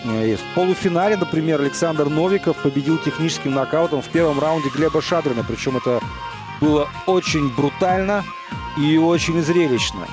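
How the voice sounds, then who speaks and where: Higher-voiced male fight commentator over loud music. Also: a little fast. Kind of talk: live MMA commentary, conversational.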